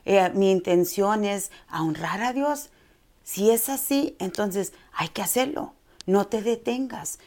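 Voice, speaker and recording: A woman's voice: mid-range voice, expressive, takes it slowly, darkish tone. A woman in a casual faith talk who is affirming and often answers with short amens.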